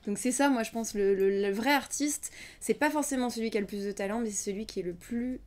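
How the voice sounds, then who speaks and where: A young adult woman, a singer and singing teacher of Ukrainian family background raised in France, speaks thoughtfully in a casual interview. She hesitates often with many fillers, sometimes dropping to a near-whisper. Her voice is a little high, fairly quick, and darkish.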